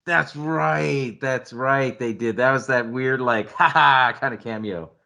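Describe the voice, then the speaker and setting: A man co-hosting a podcast, chatting excitably about a film, laughing often and humming tunes. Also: medium pitch, measured pace, gravelly. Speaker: podcast co-host. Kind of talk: casual movie chat.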